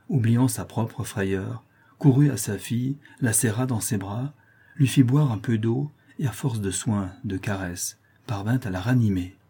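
A man reading a classic novel aloud in measured, dramatic narration. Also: lowish voice, warm tone, slightly rough. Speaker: audiobook narrator.

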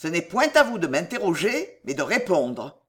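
A man voicing a stern magistrate confronting his wife, calm and cutting in a storybook reading. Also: a little high, moderate pace, breathy edge, heavily acted. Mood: cold. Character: cold stern magistrate husband.

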